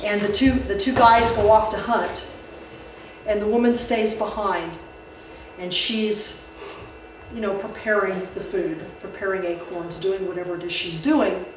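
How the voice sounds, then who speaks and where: In a library room, a woman gives a conversational public talk on folklore, restarting often. Her voice is medium-pitched and a little slow. The recording has room echo, a distant mic, and background noise.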